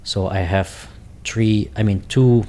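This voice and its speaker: A man in his forties with a Russian accent, speaking in halting, searching English as an interview guest. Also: on the low side, steady tone, warm tone. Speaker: guest, business owner. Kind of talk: casual interview talk.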